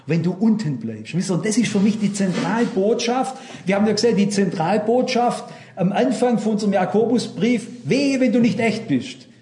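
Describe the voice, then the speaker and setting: Fervent older preacher, high voice, echoey room. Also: male voice, animated, moderate pace, dark tone. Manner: fervent, addresses the congregation directly with questions. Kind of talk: sermon.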